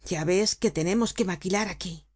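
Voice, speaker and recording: A mocking young thug who hands out sly warnings, read by a woman narrator. The voice is low and husky. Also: moderate pace, a little mellow. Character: young male cutthroat, mocking and menacing.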